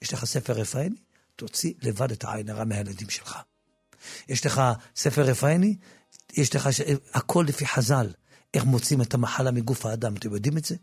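A man preaches with a gravelly, husky voice, dropping to a low murmur and then rising to loud, emphatic bursts. He restarts and repeats words as he goes. The studio sound is dry and close, with faint music underneath. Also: no echo. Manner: frequent repetitions and restarts. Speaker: religious teacher. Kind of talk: impassioned religious talk with book promotion.

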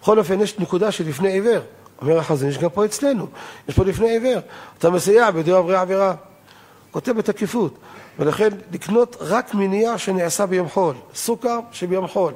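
A man's voice: high-pitched, darkish tone. An older man, a rabbi, giving a Torah law lesson in an emphatic lecturing manner, asking rhetorical questions and raising his voice on key points.

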